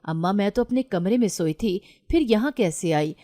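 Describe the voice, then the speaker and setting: A woman narrator voicing an anxious but defiant young unmarried daughter in a storybook reading, insistent and sharp-tongued. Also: mid-range voice, expressive, natural voice. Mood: worried. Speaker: daughter in a read-aloud story.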